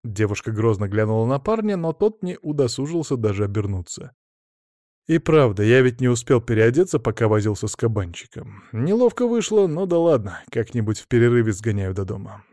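A man narrating a first-person audiobook in a lively storytelling manner with wry asides. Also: medium pitch, fairly quick, dry recording, studio quality.

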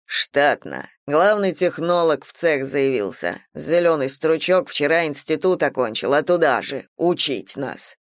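A woman's voice: low voice, expressive, a little slow, few pauses, no echo, clean studio sound. A woman reading a story and voicing a grumpy middle-aged husband who snaps curtly during family quarrels. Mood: grumbling. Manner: gruff, curt, snapping.

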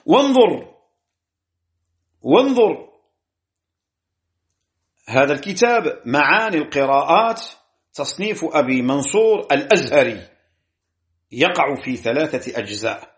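A male teacher lecturing on jurisprudence and Quranic readings, his voice pitched a little high and moving lively up and down. He stretches key words out slowly and stops to cite books and page numbers. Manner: deliberate, drawing out key words and citing sources.

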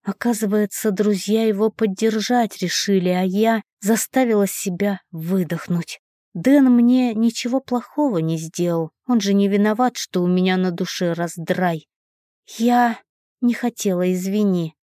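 A young woman reads a first-person novel aloud with lively, expressive phrasing. Her voice is mellow and smooth in tone. The close studio recording is dry and without echo. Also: mid-range voice, normal speed. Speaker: audiobook narrator.

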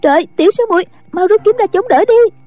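A quick-witted young heroine from a martial-arts audiobook, given voice by a woman narrator. She speaks a bit higher than the narration, brisk and commanding. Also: animated, dark tone, no echo, soft background music. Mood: urgent.

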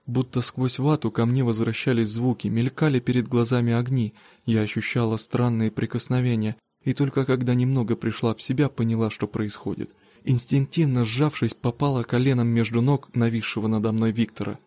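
A man reading a first-person novel aloud in a steady, even manner. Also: medium pitch, a little fast, no room sound. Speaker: audiobook narrator. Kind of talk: first-person audiobook narration.

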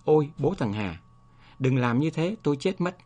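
A man's voice: mid-range voice, lively intonation, moderate pace, darkish tone, lightly acted. A man reading as a grieving village wife. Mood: terrified. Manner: pleading and frightened. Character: grieving village wife, haunted by her husband.

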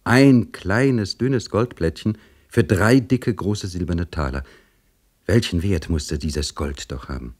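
A man narrating a classic novel in a measured, expressive reading voice. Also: deep voice. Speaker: audiobook reader. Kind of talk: literary audiobook narration.

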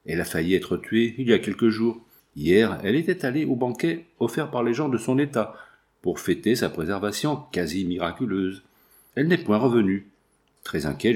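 A man's voice: fairly low pitch, darkish tone. A man voicing a frightened young woman who pleads for help, in a storybook reading.

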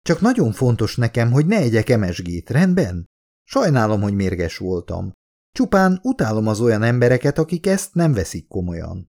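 A man's voice: medium pitch, very animated, a little mellow. A man reading an audiobook, voicing a fiery, stubborn young vegan woman who lectures indignantly. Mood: apologetic.

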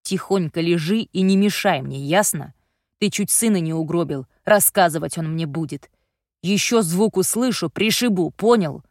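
A gruff male doctor giving blunt, barking orders, as a woman narrator puts him on. The voice is loud and sits a little higher than her usual lowish tone. The recording is close and dry, with no room sound. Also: moderate pace, no echo, lightly acted. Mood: commanding. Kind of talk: audiobook character reading.

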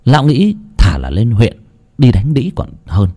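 A man narrating a dark folk story in a dramatic, animated way. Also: mid-range voice, measured pace.

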